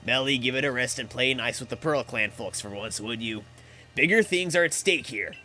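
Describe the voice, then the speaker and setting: A man voicing a young male clan leader, loud and stern as he scolds. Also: medium pitch, normal speed. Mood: weary.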